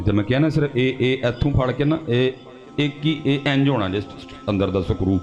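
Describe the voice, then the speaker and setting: A man with a Punjabi accent preaching a sermon, telling stories and acting out dialogue with passion. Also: a little mellow. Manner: impassioned, swings high when acting out dialogue, storytelling. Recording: dull lo-fi with faint music.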